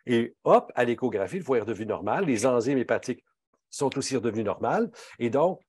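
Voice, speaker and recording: A pharmacist from Quebec with a Québécois French accent gives a health talk in a very animated, fast, emphatic and indignant way, swinging his pitch widely for emphasis. His voice is a little mellow and slightly rough, with no echo.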